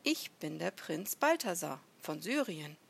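A woman's voice: lowish voice, very animated, unhurried, gravelly, slightly rough, exaggerated voice. A woman voicing a proud, guarded foreign boy prince who calls back firmly in a storybook reading.

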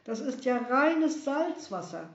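A woman voicing a curious, lively young male traveler who exclaims excitedly. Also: medium pitch, unhurried, natural voice. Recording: roomy, dull recording.

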